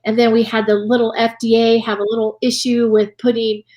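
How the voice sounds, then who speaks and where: A middle-aged woman, a guest in a casual interview, telling her business story in an animated way and often checking in with "right?". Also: a little high, fairly quick, highs cut off. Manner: animated, tags lines with "right?" and "you know".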